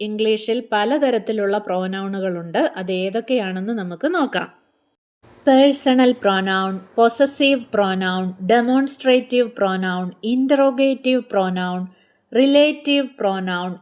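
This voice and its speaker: A woman with a Malayali accent teaching an English grammar lesson. She reads English lines slowly and deliberately, then explains them more quickly in her own language. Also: fairly high pitch.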